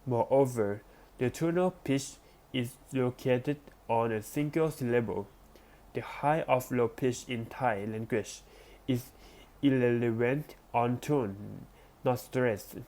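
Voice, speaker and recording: A man presents a lesson by reading an academic text aloud. He speaks at a very slow, unhurried pace, taking his time over each phrase, and now and then backs up to restart a word. His voice sits at an ordinary middle pitch. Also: warm tone. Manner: careful, deliberate reading with small restarts.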